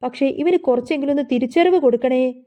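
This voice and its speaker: A woman voicing a sharp-tongued, scheming middle-aged mother who talks in a scolding, scornful way. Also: sits high, quick pace, close to an everyday voice.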